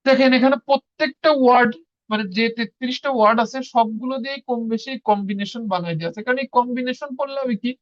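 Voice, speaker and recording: A man's voice: extremely high pitch, quick pace, no room sound. A man teaching a beginners' class, sounding out letters one by one and coaxing students to practise. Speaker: language teacher. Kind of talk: informal classroom lesson. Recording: dull dry lo-fi recording.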